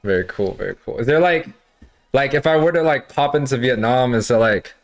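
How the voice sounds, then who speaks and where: A man's voice: medium pitch, a little fast. A man hosting a gaming livestream podcast, loose and joking, swearing casually. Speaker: stream host.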